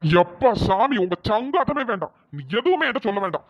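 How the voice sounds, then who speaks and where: A man voicing an angry older father in a cartoon, gruff and scolding as he threatens his son-in-law. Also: high-pitched, very animated, brisk. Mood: furious. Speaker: father of the wife. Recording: dull, dry lo-fi audio.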